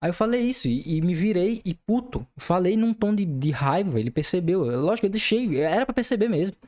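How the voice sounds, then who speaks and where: A man's voice: high-pitched, expressive, brisk, a little mellow. A young man hosting a casual podcast, venting angrily about his job and swearing often. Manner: angry venting, heavy swearing. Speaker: podcast host.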